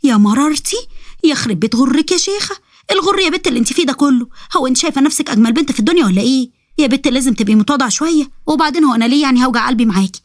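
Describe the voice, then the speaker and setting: A woman's voice: sits high, lively intonation, rapid-fire, no echo, clean studio sound. Woman playing an exasperated scolding mother. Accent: Egyptian. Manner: scolding, lamenting.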